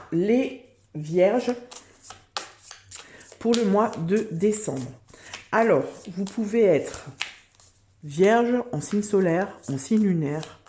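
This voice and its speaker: A woman's voice: on the low side, warm tone. A woman giving a general tarot reading in a chatty, hesitant way with many fillers. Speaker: tarot reader. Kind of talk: casual tarot reading monologue.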